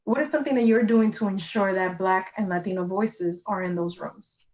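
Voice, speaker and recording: A woman's voice: mid-range voice, a little fast, darkish tone, rough recording. A woman hosting a live interview over a video call, setting up her questions in a friendly, chatty way. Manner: friendly, sets up questions at length. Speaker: interview host.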